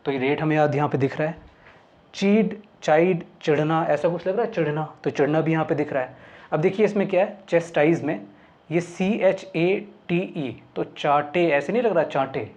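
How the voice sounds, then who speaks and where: A man's voice: on the high side, a little mellow. A man teaching English words in Hindi with memory tricks, asking questions and answering them himself. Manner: explains step by step, asks and answers his own questions. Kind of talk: Hindi lesson explaining mnemonics. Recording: dull lo-fi sound.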